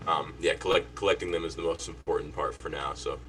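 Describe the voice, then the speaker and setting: Very deep, flat-voiced hesitant man. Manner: quiet, hesitant, halting. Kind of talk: casual video call chat. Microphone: video call. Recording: distant video call mic with faint noise.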